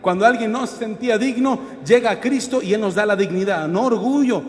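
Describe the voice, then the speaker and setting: A man's voice: high voice, a little fast, darkish tone, long reverb tail. A man preaching a sermon in a church, calling out questions to the congregation. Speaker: pastor. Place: church hall.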